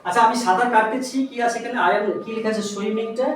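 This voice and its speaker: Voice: medium pitch, fairly even intonation, quick pace, heavy background noise. A tuition teacher giving a classroom grammar lesson, patiently spelling words letter by letter and quizzing the pupils. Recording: echoey room, mic far off.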